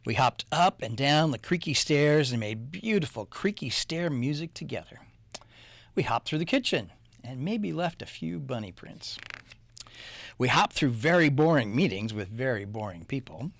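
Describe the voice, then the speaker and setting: A man narrating a children's storybook in a playful, animated way. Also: mid-range voice, moderate pace, vocal fry, no echo. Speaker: storybook reader.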